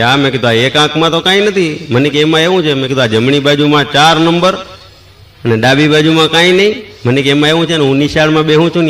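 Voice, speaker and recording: A man's voice: a little high, fairly bright tone. A man with a Kathiyawadi Gujarati accent telling folksy jokes on stage, mimicking characters and singing little snippets. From Saurashtra, Gujarat. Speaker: stand-up joke teller. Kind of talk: folksy comic storytelling.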